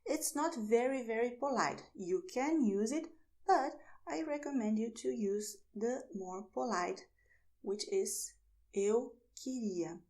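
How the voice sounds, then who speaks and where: Lady teaching phrases super slowly, soft mellow voice. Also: a little high, animated. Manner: spells out phrases slowly, then explains them. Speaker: language teacher. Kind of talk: slow, clear language lesson.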